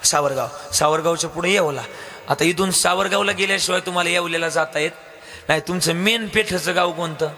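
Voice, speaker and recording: A man's voice: on the high side, fairly quick, sharp tone, long reverb tail. A man with a Marathi accent preaching a devotional kirtan, telling a story, questioning the crowd and breaking into sung lines.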